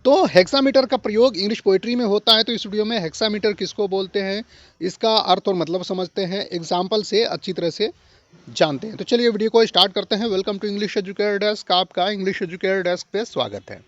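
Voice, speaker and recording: A man teaching an English literature lesson, mixing Hindi and English, slowing down sharply on the English phrases and repeating points for learners. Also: sits high, dry recording, dull audio. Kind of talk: explanatory lesson.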